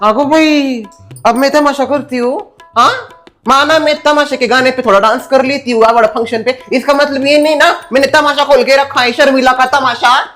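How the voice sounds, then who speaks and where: Shrill quarrelsome neighbor woman, played by a man, shouting, indignant, comedy sketch, very high voice. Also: fairly even intonation, normal speed, soft background music. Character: loud shrill quarrelsome middle-aged woman neighbor, gossip.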